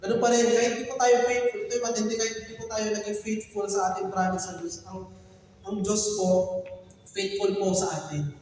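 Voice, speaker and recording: A man preaching a lively sermon, mixing Tagalog with English and calling on the congregation to respond. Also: high-pitched, normal speed, a little hiss or hum. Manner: animated, switching between Tagalog and English, urging the congregation to respond. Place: church hall. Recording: echoey hall, picked up from a distance.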